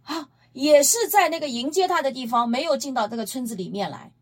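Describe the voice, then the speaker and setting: Husky-voiced woman preacher, lively. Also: high-pitched, a little fast. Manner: retells scripture with rhetorical questions; emphatic, lively storytelling. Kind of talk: Bible teaching sermon.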